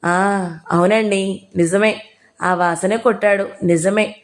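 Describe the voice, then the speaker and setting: A woman's voice: medium pitch, fairly even intonation, slow pace, natural voice. A woman voicing a timid, educated young bride who talks in a meek, apologetic way. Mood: amused.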